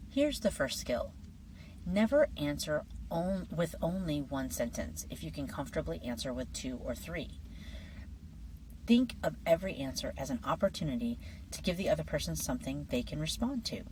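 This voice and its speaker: A woman with a deep, low voice gives a friendly, scripted English lesson at normal speed, lively but sometimes dropping into soft, breathy whispers. She sits a little back from a distant mic, and the audio is poor, with faint background noise.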